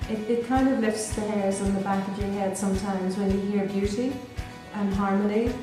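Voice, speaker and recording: In this reflective personal interview, a middle-aged Dominican sister from Northern Ireland talks in a soft, considered Belfast voice that holds an even, level pitch. She hesitates with ums and begins phrases over again, while clear music plays beneath a very echoey sound.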